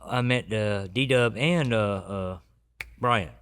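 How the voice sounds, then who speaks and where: A man giving his personal recovery testimony as a podcast guest, earnest and halting with many restarts. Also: on the low side, a bit bright, clean tone.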